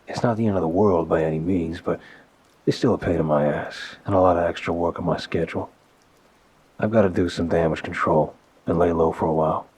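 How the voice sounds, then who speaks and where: An audio roleplay performer voices a soft-spoken, apologetic mafia boss boyfriend in an intimate ASMR piece framed as a one-sided phone call. His low, husky, breathy voice stays fairly even in intonation as he speaks hesitantly and gently, with sighing pauses.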